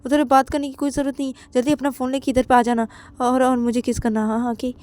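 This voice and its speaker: Woman doing a clingy young woman, whiny, tearful, stammering, high-pitched. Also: level tone, fast, mellow, natural voice. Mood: coaxing. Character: clingy young woman, fake-crying for kisses. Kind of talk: storytelling role-play.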